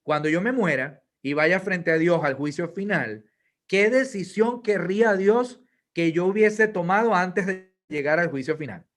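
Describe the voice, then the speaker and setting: A man speaking in a slightly high voice, earnestly laying out ideas for a conference audience. He explains step by step and often poses rhetorical questions. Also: measured pace, fairly bright tone. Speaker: lecturer on Ignatian spirituality. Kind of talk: online conference talk.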